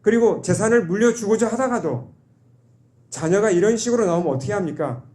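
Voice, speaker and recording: A man's voice: sits high, a little fast, darkish tone. A man, a pastor, preaching a sermon in a church, asking the congregation questions and acting out quoted voices.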